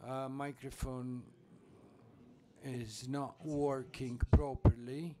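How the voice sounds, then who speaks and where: Slow, hesitant man presenting at a conference. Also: mid-range voice, little pitch movement, background noise. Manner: hesitant, with frequent fillers. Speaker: panel speaker. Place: conference hall.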